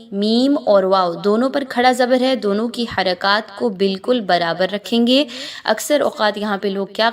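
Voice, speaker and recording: Female tajweed teacher, mid-pitched; patient rule explanations, slow chanted word demos. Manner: explains pronunciation rules patiently, then demonstrates words slowly and drawn out.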